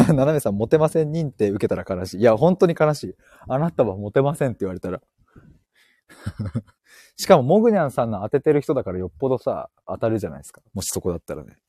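A man's voice: mid-range voice, big pitch swings, quick pace, dark tone, breathy edge, no room sound, studio quality. A man hosting a casual live stream, reading listener comments and joking with frequent laughter while he walks outdoors, speaking into an earphone mic. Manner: playful, laughs often, joking. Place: outdoors, walking.

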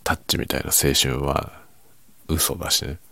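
A man chatting casually and quietly by himself late at night, musing and giving his opinions in a low-key way with softened sentence endings. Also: level tone, unhurried. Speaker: writer chatting as host.

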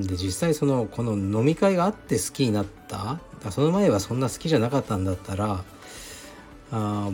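Low-voiced middle-aged man musing frankly. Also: darkish tone. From Fukuoka, Japan. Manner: frank, musing, self-deprecating, thinks aloud with fillers. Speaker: podcast host answering a listener. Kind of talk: casual advice monologue.

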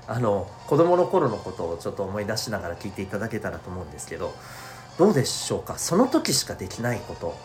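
A man's voice: on the low side, big pitch swings, quick pace, soft background music. A man with a nasal, stuffed-up voice hosting a chatty solo show for schoolchildren and parents, speaking in polite, upbeat presenter phrasing. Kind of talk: chatty solo podcast talk.

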